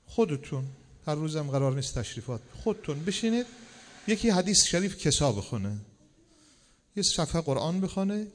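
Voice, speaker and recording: A man preaching a religious sermon with rhythmic repetition that climbs to emphatic peaks. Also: medium pitch. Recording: long hall reverb.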